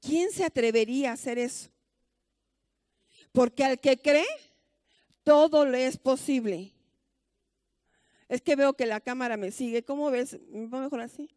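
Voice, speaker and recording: A woman's voice: high voice, a little slow, pauses often, a little mellow, no echo, clean studio sound. A woman pastor with a Mexican accent, giving a conversational sermon full of stories and rhetorical questions.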